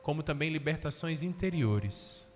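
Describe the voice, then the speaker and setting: A man's voice: a little high, animated, normal speed. A male priest, preaching a sermon at a healing retreat, telling stories and asking the crowd questions. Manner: storytelling, acts out voices, asks the crowd questions. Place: auditorium. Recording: reverberant auditorium, faint music behind.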